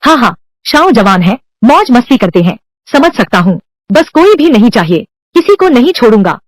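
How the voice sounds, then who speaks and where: A lone voice-over artist with a high, bright-pitched voice reads all the roles in a drama, never adjusting her voice between men and women. Her intonation swings up and down animatedly at a moderate pace. The sound is close-miked and completely dry.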